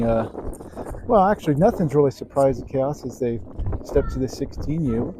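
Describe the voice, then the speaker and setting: A man doing play-by-play commentary at a youth softball game, calling plays and chatting casually between pitches. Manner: upbeat, calls plays then chats casually with fillers. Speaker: play-by-play announcer. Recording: noisy outdoor field sound.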